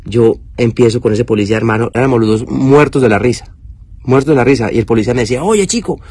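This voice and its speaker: A man casually telling a funny personal anecdote in an animated way, acting out what people said. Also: medium pitch, fast talker, husky, no echo. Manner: animated storytelling, acting out quotes. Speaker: storyteller.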